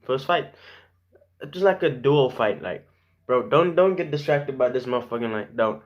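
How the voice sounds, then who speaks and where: Animated young man, voice swinging widely. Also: medium pitch, moderate pace, lo-fi sound. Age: young adult. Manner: animated, slangy, acting out dialogue. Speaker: vlogger. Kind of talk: casual storytime to camera. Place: small room at home.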